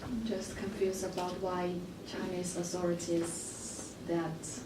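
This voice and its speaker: A woman's voice: fairly low pitch, level tone, slow pace. A female student in a group discussion, speaking in a puzzled, questioning way. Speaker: student participant. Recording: echoey room from far off, noisy.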